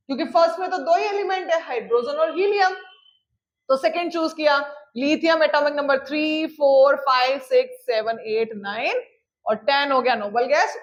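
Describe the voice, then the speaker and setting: A woman teaching a chemistry lecture who mixes in English terms, dictates definitions slowly and keeps checking that students follow. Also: sits high, low-quality recording. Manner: checks in often with "clear?", calls students "beta". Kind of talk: classroom lecture.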